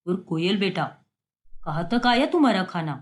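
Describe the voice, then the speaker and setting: A woman voicing a calm, gentle middle-aged father who soothes the family in an animated story. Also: medium pitch, moderate pace, voice pushed down, natural voice. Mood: soothing. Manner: soothing, mild.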